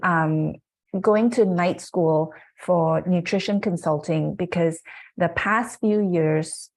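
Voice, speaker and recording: Woman, forties, from Malaysia; reflective presenter, low-ish and unhurried. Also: darkish tone. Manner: earnest, reflective, with frequent fillers. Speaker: guest speaker. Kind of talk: presentation talk.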